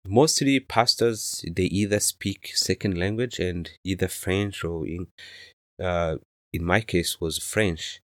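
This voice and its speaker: A man in his thirties from Rwanda, a native Kinyarwanda speaker, answers questions in a very low voice. He speaks softly and hesitantly, with frequent fillers and restarts. The sound is dry and close. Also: slow pace, dry recording. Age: 30s. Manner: soft-spoken, hesitant, many fillers. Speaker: interview guest. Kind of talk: casual interview answers.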